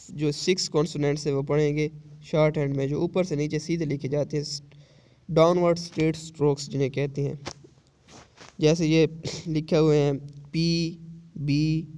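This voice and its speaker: A man's voice: a little high, a little mellow. A man teaching shorthand in an online lesson, explaining patiently and repeating points often. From Pakistan. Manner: patient, repetitive explaining with frequent checks.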